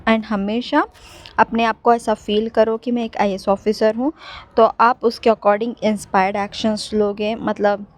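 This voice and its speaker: A woman's voice: fairly high pitch, flat delivery, unhurried. A young woman vlogger giving casual, encouraging advice on manifesting exam success, slipping English phrases into her talk.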